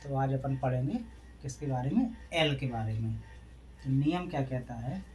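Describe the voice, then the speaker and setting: A man's voice: mid-range voice, animated, normal speed, a little mellow, slight background noise. A man teaching a classroom lesson. He asks questions and answers them himself, and spells out letters one at a time. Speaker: English teacher. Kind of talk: classroom lesson explained in Hindi.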